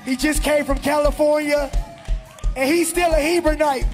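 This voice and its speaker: A middle-aged man speaking, a pastor leading a prayer and offering announcements in a large church hall on a handheld mic, animated and shouting to the congregation. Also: extremely high pitch, normal speed, soft background music, a faint crowd.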